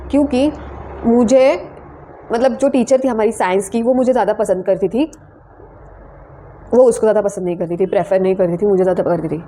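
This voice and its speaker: A young woman vlogger telling a personal story in a chatty, animated way, full of casual fillers. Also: medium pitch, slight background noise.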